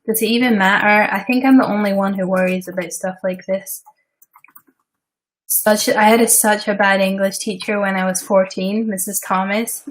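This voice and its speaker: Here a woman from Scotland streams herself doing web design work live, rambling chattily with plenty of fillers and asides. She speaks at a normal speed, her medium pitch carrying fairly even intonation.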